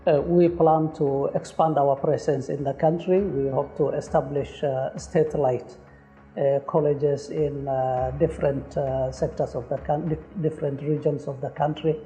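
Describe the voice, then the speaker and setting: A college manager gives a documentary interview, pausing often and filling the gaps with hesitation sounds. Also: male voice, fairly high pitch, fairly even intonation, dark tone, soft background music, low-quality recording. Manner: hesitant, many filler sounds.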